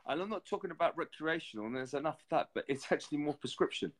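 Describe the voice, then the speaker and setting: A former reality TV contestant, appearing as a guest on a chat show, speaks in a higher-pitched, animated, fairly bright male voice. His casual interview talk is reflective and halting, with frequent stops and restarts.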